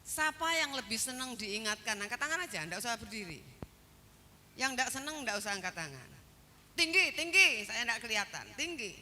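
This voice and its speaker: A woman pastor preaches in a slow, emphatic manner, putting questions to the congregation. Her voice is high and very bright. A faint hiss runs behind her. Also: sing-song. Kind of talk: sermon.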